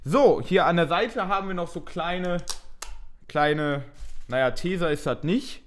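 A man's voice: fairly high pitch, a little slow. Chatty young man unboxing cards. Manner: chatty, thinks aloud, mildly self-mocking. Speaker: unboxing video host. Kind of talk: casual unboxing commentary.

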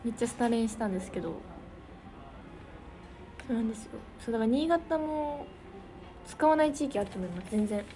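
A teenage idol from Niigata, Japan, hosts a casual livestream, chatting and thanking viewers for their comments. Her voice is on the high side, expressive and dark in tone, and she talks fairly quickly with frequent pauses. The livestream audio is noisy.

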